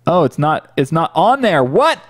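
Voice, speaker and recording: A man with a slightly high, very animated voice talks at a normal speed, chatting casually with his viewers as a livestream host. He speaks into a close desk microphone on a boom arm in an indoor home office room.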